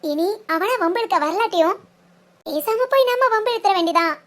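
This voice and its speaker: A voice actress doing a very high teasing village girl. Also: animated, fairly quick, fairly bright tone. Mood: playful scheming. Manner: teasing, chatty. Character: playful teasing young village woman. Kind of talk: Tamil cartoon voice acting.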